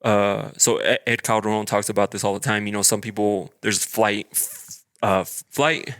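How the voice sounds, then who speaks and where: A man's voice: lowish voice, fairly even intonation, normal speed, a bit bright, no room sound, studio quality. A man, a podcast co-host, telling a story in casual chat and acting out quotes in a raised voice.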